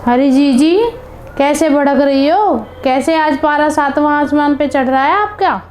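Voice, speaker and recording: A woman voicing a sensible, kind middle-aged relative who reasons calmly and admonishes. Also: high-pitched, unhurried, a little hiss or hum. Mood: concerned. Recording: piano music behind.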